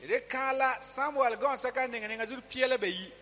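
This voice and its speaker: A man's voice: very high-pitched, fast, pushed and bright. A man interpreting a sermon line by line, echoing each sentence in a rhythmic delivery. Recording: large hall with long reverb.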